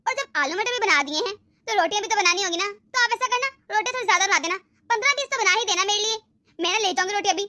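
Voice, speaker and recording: A woman voicing a sharp-tongued, spiteful grown daughter in a cartoon, taunting and bossing her family around. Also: very high-pitched, quick pace, no echo, studio quality. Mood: scolding. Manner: scolding, taunting, demanding. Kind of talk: Hindi cartoon voice acting.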